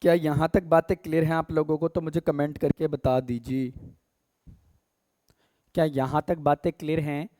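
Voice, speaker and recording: With a fairly high, mellow voice and flat delivery, an Indian-accented man leads a casual Hindi-English grammar lesson, calling his students beta and pyare bachche. He keeps asking "theek hai?" to make sure they follow and reads each English example slowly; the audio is dry and close with no room echo.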